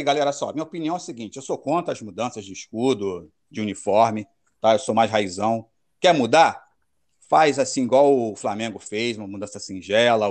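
A man from Brazil hosting a casual football chat, emphatic and opinionated, full of slang. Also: medium pitch. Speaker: podcast host.

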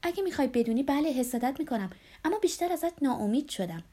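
A woman's voice: animated, warm tone. A woman reading aloud and voicing a bitter, jealous, thin aging woman who mocks her former lover. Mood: resentful. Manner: scornful, biting, raised pitch.

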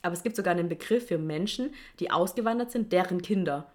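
Woman from Germany, somewhat low register, thoughtful conversational storyteller. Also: fast. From Germany, Stuttgart. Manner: reflective, storytelling with frequent fillers. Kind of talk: casual conversation.

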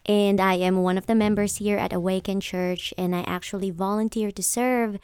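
A young woman from the Philippines talks as a podcast guest. Her voice is smooth and resonant, set in a middle range. The sound is close and dry, and she tells her story in an earnest, friendly way. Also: medium pitch, steady tone, normal speed, a little mellow, no echo. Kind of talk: casual conversation.

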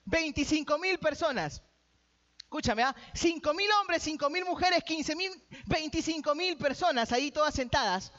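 A man preaches a lively sermon, joking with the congregation and calling out to them. The recording is dull and lo-fi. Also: extremely high pitch, moderate pace. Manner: calls out to the audience. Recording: dull lo-fi sound.

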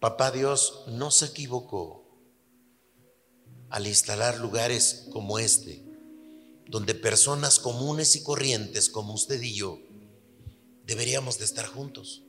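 A man preaching a sermon to his church, earnest, dropping his voice low for emphasis and turning lively when he tells a story. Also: slow pace, long pauses. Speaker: pastor. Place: church hall. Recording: reverberant church hall with soft music.

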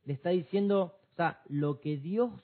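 A man's voice: high-pitched, moderate pace. A man, co-host of a church talk, reasoning aloud with many restarts. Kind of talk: church discussion program. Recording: tinny phone-like sound.

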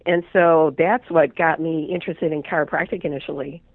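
A woman's voice: sits low, steady tone, a little fast, no echo. An American woman, congested with a head cold, telling her own story as an interview guest. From Chicago, United States. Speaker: podcast guest, chiropractor and business owner. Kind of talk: interview answers, personal storytelling. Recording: narrow tinny phone-like line.

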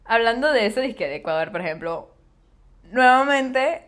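A young woman with a Panamanian accent, co-hosting a casual podcast, telling lively stories, swearing freely and slipping into English. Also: a little high, moderate pace. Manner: swears often and slips into English; lively storyteller. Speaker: podcast co-host. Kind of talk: casual chat.

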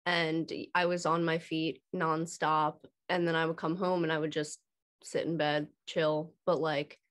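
A woman's voice: low-pitched, little pitch movement, unhurried. A young woman chatting in an interview, talking earnestly with lots of casual fillers. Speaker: guest.

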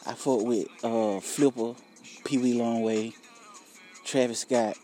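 A young man talks casually in a relaxed, warm voice with faint music behind him. His delivery is slangy and profane, peppered with tags that check the listener agrees. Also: mid-range voice, slow pace. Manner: laid-back, slangy, profane, filler tags seeking agreement. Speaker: rapper promoting own music. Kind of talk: casual solo vlog chat.

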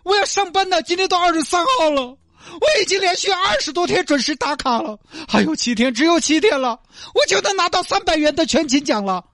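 A man voicing a frazzled, stubborn working woman with a Sichuanese accent who talks in shrill, wailing pleas. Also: sing-song, normal speed, fairly bright tone, no echo, studio quality, full character voice. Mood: insistent. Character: frazzled stubborn woman worker, desperate for attendance bonus.

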